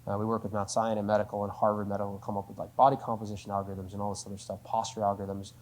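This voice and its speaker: A man's voice: lowish voice, flat delivery, very fast, darkish tone. A man answering a business question in a conversational Q&A, explaining step by step and often tagging sentences with "right?". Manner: explanatory, uses frequent "right?" tags. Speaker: company spokesperson answering questions.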